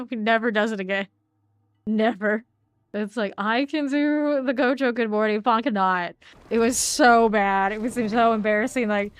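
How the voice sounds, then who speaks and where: A woman's voice: mid-range voice, smooth, no echo. A woman streaming a game, chatting casually and rambling to her viewers as she plays. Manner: chatty, rambling, talks to chat. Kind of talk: casual gameplay chat.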